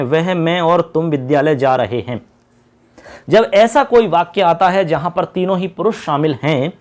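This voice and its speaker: High-voiced man teaching exam prep. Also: darkish tone. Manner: patient, repeats key points, reads questions slowly.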